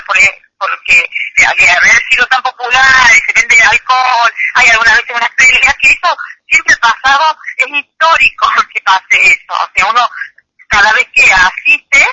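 A woman, calling in as an activist and giving testimony hesitantly, with many fillers. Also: on the high side. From Chilecito, Argentina. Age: 30s. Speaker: activist caller. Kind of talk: phone interview testimony. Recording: muffled noisy phone line.

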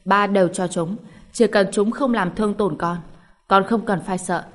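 A woman's voice: medium pitch, steady tone, moderate pace, lightly acted. A woman voicing a doting, anxious middle-aged father who talks in an urgent, reassuring way.

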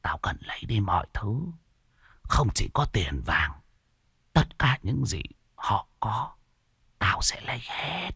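A man's voice: lowish voice, sing-song, slow, long pauses, bright, forceful tone, slightly rough, no room sound, clean studio sound, full character voice. A man voicing a vengeful, scheming old village woman who hisses and drops into whispers in an audio storybook. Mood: cold, whispering. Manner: bitter, hissing, swings into whispers.

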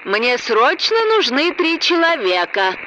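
A woman voicing a spiteful, bossy orphanage headmistress who barks orders through a loudspeaker in a croaking voice. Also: high voice, very animated, a little slow, dull audio, a little hiss or hum, pitched above the performer's own voice, heavily acted. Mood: barking. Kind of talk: audiobook character voice.

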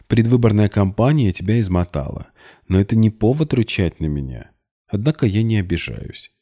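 A man voicing a spoiled, scheming young woman who talks in a shrill, shrieking way. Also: animated, normal speed, dark tone. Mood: haughty. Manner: shrill, shrieking, mock-hurt.

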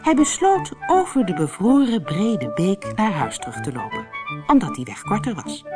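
A woman reading a children's storybook aloud with lively, expressive storytelling. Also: lowish voice. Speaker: narrator.

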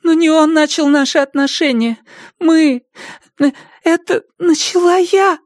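A man voicing a frightened, tearful young woman in an audiobook, shrill and pleading. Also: unhurried, no room sound, studio quality. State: crying. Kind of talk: audiobook character reading.

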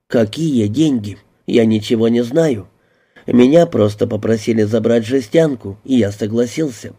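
A man's voice: mid-range voice, normal speed, mellow, breathy edge. A man voicing a nervous, unemployed young male suspect who pleads and denies under questioning. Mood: defensive. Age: young adult. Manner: defensive, pleading.

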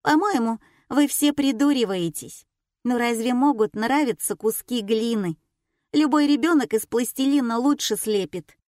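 A woman voicing a rude teenage girl who talks loudly and bluntly. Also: fairly high pitch, moderate pace, dry recording, studio quality, voice pushed up, close to an everyday voice. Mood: mocking. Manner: loud, mocking, blunt.

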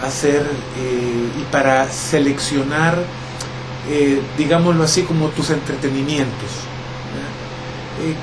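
A middle-aged man from El Salvador, answering interview questions in a reflective, relaxed way with many pauses and fillers. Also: a little high, noisy background.

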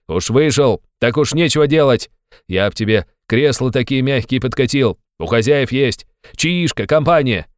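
A man voicing a hot-tempered, blustering young male friend who shouts and scolds. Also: mid-range voice, clean tone, no room sound, clean studio sound, pitched above the performer's own voice, natural voice.

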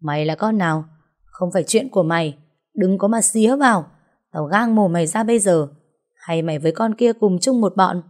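A woman's voice: on the low side, fairly quick, darkish tone, natural voice. A woman narrator voicing a furious, heavyset middle-aged wife who hurls insults in an audiobook story. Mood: scornful. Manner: screeching insults, theatrical wailing.

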